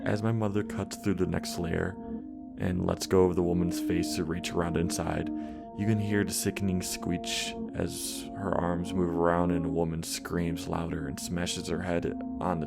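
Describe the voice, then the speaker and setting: A man reads a scripted horror story in a measured, steady way. His voice is deep and gravelly with plenty of fry. Music plays beneath the narration throughout. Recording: music playing underneath.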